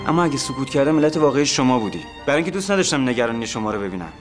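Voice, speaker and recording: Man acting as an earnest young son, gentle and pleading, mid-pitched voice, music underneath. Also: lively intonation, lightly acted. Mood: heartfelt. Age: young adult. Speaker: eldest son. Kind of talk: TV drama acting.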